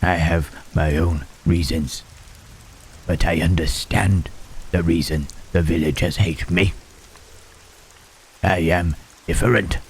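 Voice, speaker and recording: A man playing Frankenstein's monster in an ASMR roleplay, a gentle, melancholy reanimated creature who speaks in a hushed, halting, formal way. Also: low voice, fairly even intonation, slight background noise. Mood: brooding, melancholy.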